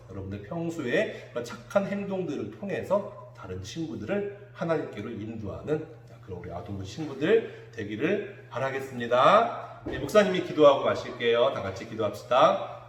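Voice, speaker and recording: Lively male children's pastor, echoey hall. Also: lowish voice. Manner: animated, acts out children's quotes. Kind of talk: children's sermon. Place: church room.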